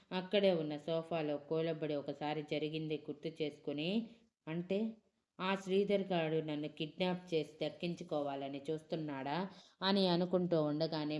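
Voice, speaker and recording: A woman narrating a romance story in a steady, scripted storytelling voice. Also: low-pitched.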